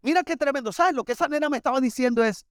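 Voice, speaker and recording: A man's voice: very high voice, rapid-fire, no echo, clean studio sound. A middle-aged man with a Barranquilla coastal Colombian accent, preaching a sermon in a conversational, storytelling way with humorous asides to the congregation. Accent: Colombian Caribbean coast (Barranquilla). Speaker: pastor.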